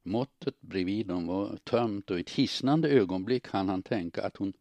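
A man narrating an audiobook in a calm, steady storytelling manner. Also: lowish voice, no echo, lo-fi sound.

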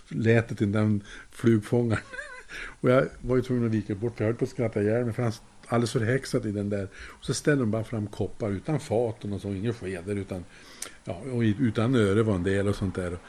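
A man's voice: on the low side, fairly even intonation, a little mellow. Older man telling a chuckling anecdote. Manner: chuckling, acts out quoted voices. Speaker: storyteller. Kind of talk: casual anecdote.

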